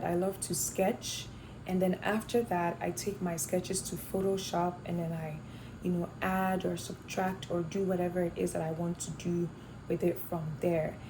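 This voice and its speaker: A woman's voice: on the low side, background noise. A young woman from Ghana, a fashion design student, answering interview questions thoughtfully with some fillers and restarts. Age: young adult.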